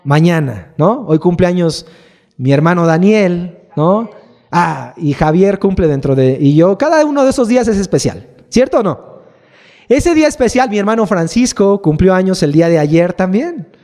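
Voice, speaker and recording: A man's voice: sits high, animated, normal speed, mellow. A man preaching a sermon as pastor, talking to the congregation with rhetorical questions. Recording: long hall reverb.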